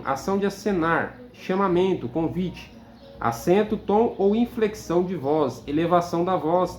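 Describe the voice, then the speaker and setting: A Brazilian man, a teacher, reading dictionary definitions aloud in a measured, list-like way with hesitant "é" fillers. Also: on the high side. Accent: Brazilian Portuguese. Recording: echoey room, faint background noise.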